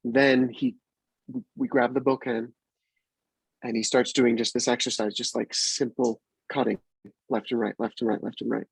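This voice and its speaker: A man's voice: mid-range voice, moderate pace, creaky, pauses often, husky, no echo. A man being interviewed, animatedly retelling a training story and acting out what was said. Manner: animated retelling, acts out quotes. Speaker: guest. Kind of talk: casual storytelling.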